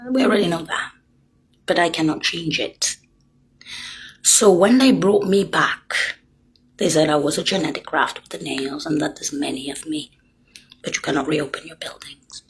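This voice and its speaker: Speaking to camera in a rambling monologue, an older woman uses a very husky, breathy voice pitched low in her range. She drops to near-whispers, then punches words out loudly, addressing listeners straight on in an accusatory way, all captured in poor audio.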